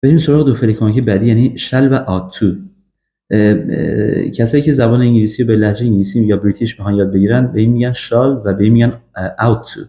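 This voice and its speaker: Dark-voiced man teaching English grammar. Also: lowish voice. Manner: slow, repeated drill examples with frequent fillers. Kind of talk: grammar lesson. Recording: echoey, dull lo-fi room recording.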